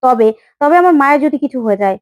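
Fast, high-voiced woman retelling drama. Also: lively intonation, a little mellow. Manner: acts out each character's lines in her own voice. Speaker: serial episode recapper. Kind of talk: retelling a TV serial episode.

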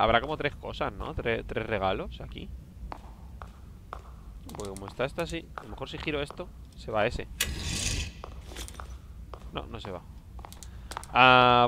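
A man's voice: mid-range voice, normal speed, pauses often, pushed and bright, a little hiss or hum. A man with an accent from Spain doing casual, slangy gameplay commentary, often hesitant and muttering to himself. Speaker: gamer.

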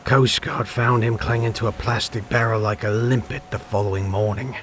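Brief: male narrator putting on a gloomy old deckhand, very low and quiet, with a faint hiss behind. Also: fairly even intonation, normal speed, natural voice. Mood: grim. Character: older male fisherman, grim and deep-voiced.

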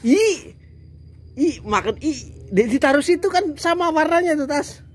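A man's voice: very high-pitched, lively intonation, unhurried, slight background noise. A man, a father playfully teasing his daughter in a casual family vlog, laughing often.

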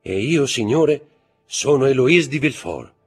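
A man's voice: mid-range voice, animated, unhurried, a little mellow, slightly rough, soft background music, pitched above the performer's own voice. A man reading aloud who voices a frantic aristocratic young mother, pleading and breathless. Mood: eager.

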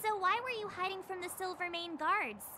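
A very high-pitched spunky girl. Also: fairly quick, slight background noise. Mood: curious. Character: cheerful spunky young girl adventurer. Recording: game audio with loud music.

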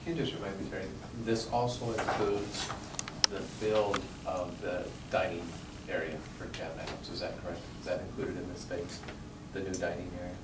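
A man's voice: deep voice, fairly even intonation, normal speed. A man on a school board asking hesitant, clarifying questions. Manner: inquisitive, hesitant. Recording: distant echoey room, loud hiss.

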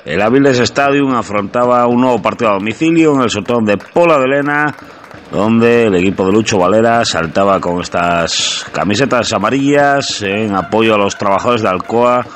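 A man from Asturias narrating football match highlights in a steady, explanatory, scripted voice-over. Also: slight background noise.

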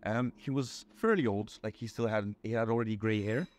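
A man's voice: lowish voice, a little fast, a little mellow. Young Belgian man explaining patiently. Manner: patient, explains step by step with many ums. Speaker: interview guest. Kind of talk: casual explanatory chat. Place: small indoor room.

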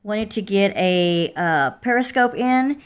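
A woman hosting a casual livestream from home, her voice slightly raspy as she is losing it, chatting with fillers. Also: medium pitch, expressive, slow pace. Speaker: livestream host. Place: home, indoors.

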